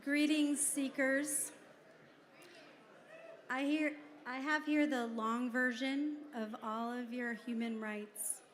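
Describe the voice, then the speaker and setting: A woman's voice: high voice, steady tone, slow pace. A woman reading a declaration out to a live event from the stage, in an emphatic, proclaiming way. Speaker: activist reading a manifesto at an event.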